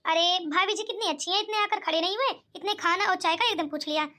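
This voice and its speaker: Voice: very high voice, quick pace, bright, forceful tone. A performer voicing a hungry, complaining young brother-in-law in a cartoon. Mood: grumbling. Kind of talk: cartoon voice acting.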